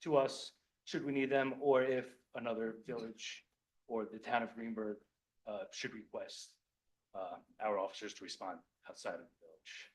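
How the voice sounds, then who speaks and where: A man who is a police lieutenant, addressing a village board meeting, choked up and halting, apologizing and repeating words as he explains. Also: on the low side, fairly even intonation, low-quality recording. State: choked up with emotion. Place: municipal meeting room.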